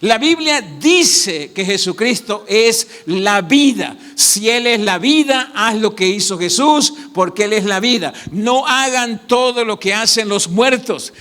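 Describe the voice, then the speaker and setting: A man's voice: high voice, lively intonation, a little slow, few pauses, pushed and bright, big-room sound. A male pastor preaching a sermon to a congregation, asking them questions and answering them himself.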